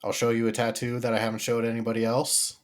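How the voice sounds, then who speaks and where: A man's voice: mid-range voice, completely flat delivery, fast talker. A man co-hosting a podcast in casual, crude banter, full of fillers and jokes. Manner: crude, joking, many fillers. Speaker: podcast co-host.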